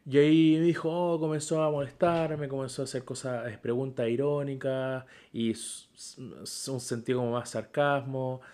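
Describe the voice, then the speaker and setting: A man's voice: medium pitch, fairly even intonation, moderate pace, few pauses, mellow. A man speaks in a casual podcast chat. He stumbles and repeats words as he goes. His delivery is hesitant and unpolished. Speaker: podcast co-host.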